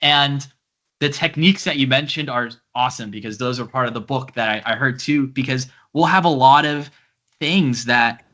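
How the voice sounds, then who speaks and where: A man's voice: mid-range voice, moderate pace, sharp tone. A man hosting a podcast, chatting casually and thinking aloud, often ending his points with a questioning "right?". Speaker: podcast host. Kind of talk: casual interview chat.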